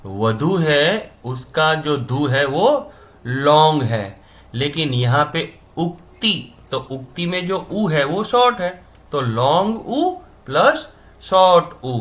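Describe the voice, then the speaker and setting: A man teaching Sanskrit grammar in Hindi, saying each sound slowly, repeating it, and checking that his students follow. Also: on the high side, fairly bright tone. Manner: repeats sounds slowly, checks understanding with "समझ में आ रहा है ना?". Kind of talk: classroom-style explanation.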